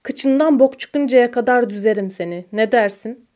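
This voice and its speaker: A woman's voice: a little high, a little slow, dark tone, close to an everyday voice. A woman reading a crude drunken man. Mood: coarse taunting. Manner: coarse, taunting. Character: drunk, crude grown man, bitter and mocking. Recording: dull lo-fi recording.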